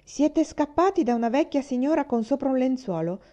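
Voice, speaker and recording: A woman's voice: medium pitch, animated, brisk, dark tone, muffled recording, natural voice. A woman reading aloud, voicing a bossy older boy who hands down judgments in a sententious, lecturing way. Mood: mocking. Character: bossy older boy, stern self-appointed judge.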